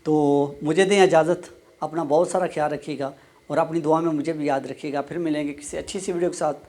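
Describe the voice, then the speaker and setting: A man giving a casual spoken lesson, explaining Arabic phrases slowly and repeating each one. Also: fairly high pitch, fairly even intonation, darkish tone. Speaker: Arabic language teacher. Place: Pakistan.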